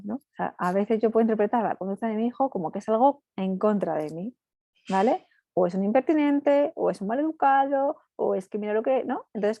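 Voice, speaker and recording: A woman family therapist giving a talk to parents, explaining in a steady teaching way with frequent "right?" tags. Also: medium pitch, no room sound. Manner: acts out parents' and children's lines in passing.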